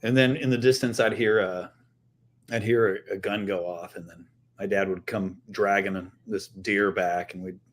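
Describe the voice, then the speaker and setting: A middle-aged man co-hosting a podcast, telling stories in a loose, joking way with some swearing. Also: lowish voice. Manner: storytelling, laughing and swearing. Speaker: podcast co-host. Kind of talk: casual chat.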